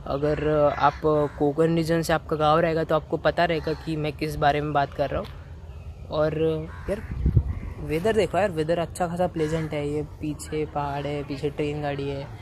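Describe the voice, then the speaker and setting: Young male travel vlogger on a station platform, phone at arm's length. Slightly high, flat voice. Chatty, with halting fillers. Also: background noise. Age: young adult. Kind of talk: casual travel vlog. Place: outdoor railway station platform.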